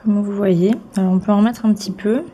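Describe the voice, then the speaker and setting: Her voice is mid-range and warm, fairly quick, with fairly even intonation, and the audio sounds dull. She's a young beauty vlogger with a cold, sniffling while she chats casually and bubbly, fillers and all, through a tutorial at home. The room echoes slightly, with faint noise.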